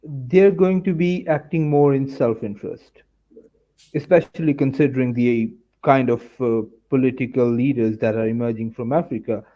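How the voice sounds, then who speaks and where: A man giving his views in a casual political discussion who speaks in a measured way and hedges his points. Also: medium pitch, dark tone, low-quality recording.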